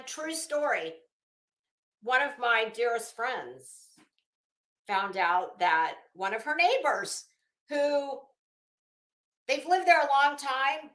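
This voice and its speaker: With a high-pitched, slightly bright voice in a reverberant space, a middle-aged livestream host meanders through stories, sassy, wry and swearing freely.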